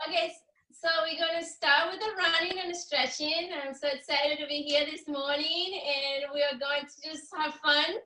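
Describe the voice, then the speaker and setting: A woman gymnastics coach leading a live warm-up, calling out short, repeated cues and counts with words of encouragement. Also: sits high, steady tone, moderate pace. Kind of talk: live exercise instruction. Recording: roomy echo, distant mic, faint music.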